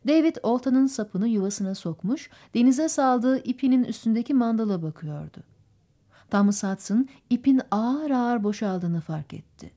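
A woman narrating a literary audiobook in a measured storytelling manner. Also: on the high side, mellow. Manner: measured storytelling, voices characters.

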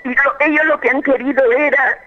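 A woman calling in to a radio show, telling her story in a fervent, halting, repetitive way. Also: high-pitched, fairly even intonation. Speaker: radio call-in caller. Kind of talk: emotional personal testimony. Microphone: telephone. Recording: muffled phone line on AM radio.

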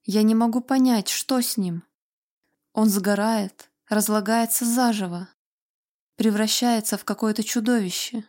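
A woman's voice: mid-range voice, steady tone, a little slow, darkish tone, lightly acted. A woman reading an audiobook, voicing a frightened, tearful young woman who trembles, pleads and flares into anger. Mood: frightened, pleading. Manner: trembling and pleading, flaring into angry outbursts.

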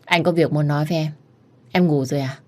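A woman voicing a hesitant young husband torn between two women, in a soft, apologetic audiobook reading. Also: sits low, steady tone, quick pace, natural voice.

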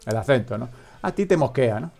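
A man's voice: mid-range voice, lively intonation, brisk, vocal fry, darkish tone, soft background music. Rambling, joking man hosting. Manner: rambling, joking, trails off often. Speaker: podcast host. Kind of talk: casual comedic radio chat.

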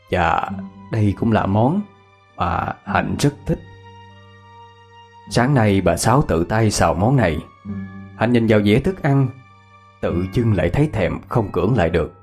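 Male horror narrator, husky, very animated delivery. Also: lowish voice. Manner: lively, dramatic. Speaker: storyteller. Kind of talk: ghost story narration.

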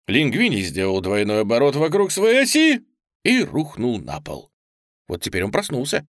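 A man reading a children's storybook aloud in an expressive, animated way. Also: mid-range voice, dry recording, studio quality.

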